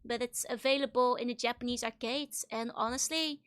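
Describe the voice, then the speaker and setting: A woman livestreamer chatting casually with viewers in a bubbly, giggly, gushing way, with a high-pitched bright voice. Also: steady tone, fairly quick, clean tone. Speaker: streamer, virtual YouTuber host.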